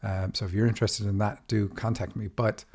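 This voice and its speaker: A middle-aged Irish man hosts a podcast about dreams and talks through a loose, quick monologue. His voice sits low, with a gravelly, husky edge. He leans on fillers and restarts as he goes. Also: level tone, darkish tone. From Ireland. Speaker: podcast host and dream interpreter. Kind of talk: casual monologue.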